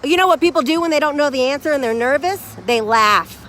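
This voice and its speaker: A woman argues outdoors at a street protest, her voice pitched extremely high. She taunts and fires questions one after another, confrontational and relentless. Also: animated, brisk, fairly bright tone, slight background noise. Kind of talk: heated street argument.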